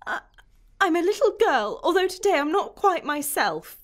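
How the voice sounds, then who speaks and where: Curious little girl for audio drama, adult actress: high, animated, earnest and wondering. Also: normal speed, full character voice. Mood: protesting.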